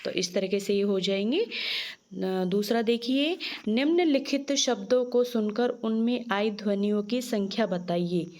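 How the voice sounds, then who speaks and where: A woman's voice: mid-range voice, a little mellow. A woman teacher explaining a children's lesson, patiently asking questions and answering them herself. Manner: slow, patient, asks and answers her own questions.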